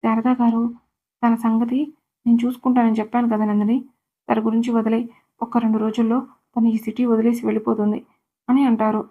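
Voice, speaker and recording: A woman's voice: a little high, little pitch movement, a little fast, pauses often, highs cut off. A woman narrating a serialized romance story, reading every character's lines in much the same voice.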